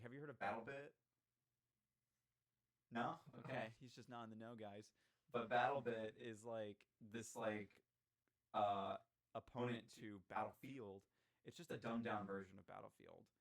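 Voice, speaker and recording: A man co-hosting a casual gaming podcast, talking in opinionated, animated tangents. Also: on the low side, moderate pace. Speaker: podcast co-host. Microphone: studio podcast mic.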